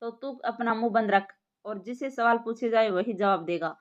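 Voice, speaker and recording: A tough policewoman barks questions and scolds, sharp and bossy, as a woman storyteller plays her. Her voice is fairly high. The sound is dull and lo-fi. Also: normal speed, close to an everyday voice. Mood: stern. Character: stern tough young policewoman. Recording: lo-fi muffled recording.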